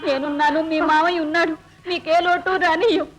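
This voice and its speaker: A soothing, tearful village aunt, with a high voice that stays gentle. She sounds like a scene from an old film drama, with a clear score behind her. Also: steady tone, brisk, over loud music. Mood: tearful comfort. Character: tender village aunt, middle-aged woman. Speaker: aunt comforting children.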